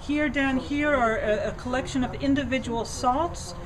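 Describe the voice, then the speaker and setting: A woman's voice: high-pitched, normal speed, crowd noise, rough recording. Chatty woman touring an antiques shop. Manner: enthusiastic, conversational with fillers and restarts. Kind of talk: guided shop tour. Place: indoor antiques shop among display cases.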